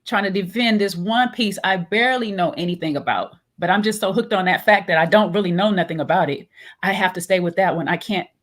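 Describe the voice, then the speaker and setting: A woman co-hosting a casual chat, animated and laughing often, acting out both sides of an argument. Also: mid-range voice, fairly quick. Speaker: co-host.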